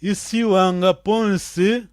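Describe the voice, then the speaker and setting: A man teaching a language class over a video call, with a fairly high voice and a dry, close sound. He explains words one by one and keeps checking that his students are following. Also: fairly even intonation, takes it slowly, smooth, no echo. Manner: patient, checks understanding often. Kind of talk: online language lesson.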